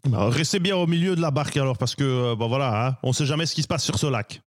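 A man's voice: mid-range voice, fast talker, no room sound, studio quality, lightly acted. A man improvising a chatty boat renter who warns two women about a worn boat, in a comedy scene. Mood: warning. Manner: folksy, cautionary.

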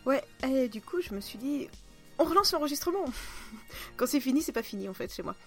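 A woman's voice: sits high, animated, brisk, soft background music. A woman with a southern French accent co-hosting a podcast in casual chat, teasing and laughing easily. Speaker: podcast co-host.

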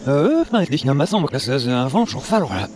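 A man's voice: on the high side, big pitch swings, fast talker, background noise. A man in a comedy sketch whose speech is played backwards, so it comes out as garbled, sing-song syllables.

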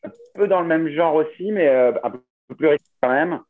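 A man's voice: fairly high pitch, a little fast. A man co-hosting a podcast, chatting casually about music, hesitant with many restarts. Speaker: podcast co-host. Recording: phone-like narrow sound.

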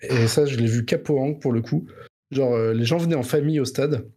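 A man's voice: medium pitch, warm tone. A man co-hosting a casual podcast chat, teasing and laughing easily. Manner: joking, teasing, quick to laugh. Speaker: co-host.

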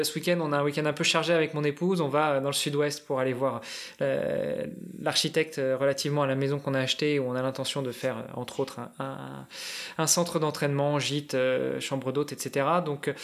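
A man's voice: fairly high pitch, flat delivery, a little fast. A man in a casual podcast conversation, explaining things as he thinks aloud. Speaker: guest, endurance athlete preparing a challenge. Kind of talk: casual podcast interview talk.

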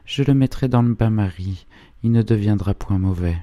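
A man voicing an old servant woman of sixty, brisk and reassuring, in an audiobook reading. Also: lowish voice, mellow, no echo, voice pushed up, close to an everyday voice.

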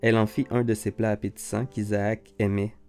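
Man reading bible story calm and steady, lowish voice, soft guitar underneath. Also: a little fast, clear, resonant tone. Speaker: narrator. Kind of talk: scripted Bible story narration. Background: soft guitar music.

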